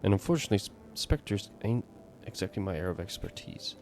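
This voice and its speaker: A man's voice: deep voice, expressive, quick pace, gravelly, a little mellow, slight background noise. A man reading a shady male paranormal consultant in a video game, ominous then politely salesy. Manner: ominous warnings slipping into customer-service politeness.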